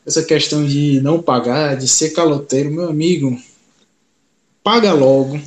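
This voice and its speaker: A man's voice: fairly high pitch, normal speed. A man hosting a sports podcast in an informal, colloquial way. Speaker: podcast host. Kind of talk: casual sports podcast talk.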